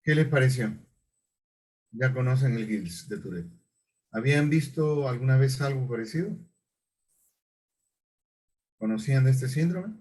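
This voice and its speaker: A male teacher running a conversational class tells chatty anecdotes, correcting himself along the way and laughing mid-story. His mid-range voice has lively intonation and a darkish tone. He speaks a little slowly, with long pauses.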